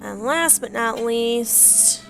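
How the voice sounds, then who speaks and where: A woman's voice: a little high, extremely slow, gravelly, a bit bright, faint music behind. A young woman with a congested voice, chatting casually as she streams a game. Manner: laid-back, chatty asides between quests. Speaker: gameplay streamer. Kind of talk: casual gameplay commentary.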